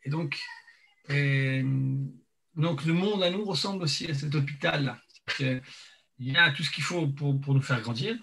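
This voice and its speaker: A man teaching an informal religious lesson, speaking haltingly and searching for words, his mouth half numb from dental anaesthetic. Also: a little high, bright, forceful tone. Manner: hesitant, repeats and searches for words.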